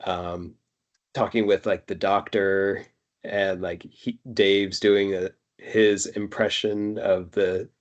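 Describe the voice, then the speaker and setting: A man with a fairly low voice co-hosts a casual album review podcast. He rambles through his stories and uses plenty of fillers. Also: little pitch movement, slow pace, lo-fi sound. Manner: chatty, lots of fillers and laughs. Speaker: podcast co-host. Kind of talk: casual music review chat.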